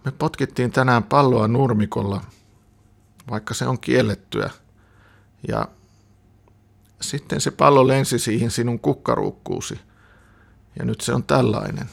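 A man's voice: mid-range voice, gravelly, long pauses. A man voicing an earnest young boy who pleads and explains in a storybook reading. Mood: confessing.

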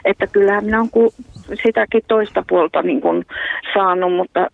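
A woman's voice: medium pitch, fairly even intonation, vocal fry, no echo. A woman with a Savo Finnish accent, a guest in a radio interview, talking earnestly and laughing often. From Savo, Finland. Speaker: guest, evangelist and prayer line volunteer. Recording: tinny phone line, dry.

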